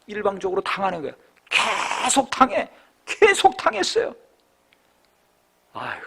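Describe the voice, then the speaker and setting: A male pastor preaching a sermon with rhetorical questions, swinging between raised exhortation and hushed reflection. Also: sits high, vocal fry, slightly rough.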